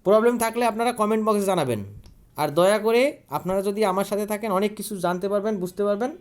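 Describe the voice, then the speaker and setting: Male tutor. He drills grammar rules by quizzing himself aloud. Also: high-pitched. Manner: asks questions and answers them himself, repeating key words. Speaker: English grammar teacher. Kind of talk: online grammar lesson.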